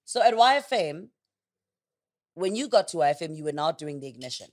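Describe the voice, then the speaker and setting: A woman's voice: low voice, expressive, a little fast. A South African woman hosting a casual interview, asking questions and teasing her guest. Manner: warm prompting questions, teasing. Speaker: interview host.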